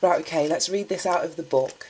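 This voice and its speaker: A woman's voice: sits low, fairly quick, darkish tone, slight background noise, rough recording. A woman giving a spiritual card reading, chatty and musing, sounding stuffy from a lingering cold. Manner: chatty and musing, thinks aloud with small laughs. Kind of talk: solo divination reading, partly read aloud from a guidebook.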